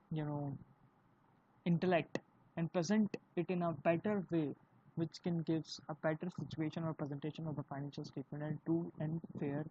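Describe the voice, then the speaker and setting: Indian-accented accounting tutor, mellow tone, halting delivery, dull lo-fi recording. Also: medium pitch. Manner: halting, with frequent "you know" fillers. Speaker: accounting teacher. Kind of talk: explanatory video lesson. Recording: dull lo-fi recording with faint hiss.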